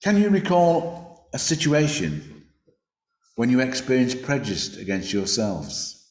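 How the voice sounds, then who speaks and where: This is a man, preaching a sermon. He talks in a reflective, conversational manner, sometimes restarting a phrase, at an ordinary middle pitch. His voice carries a roomy echo. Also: huge pitch swings, a little slow.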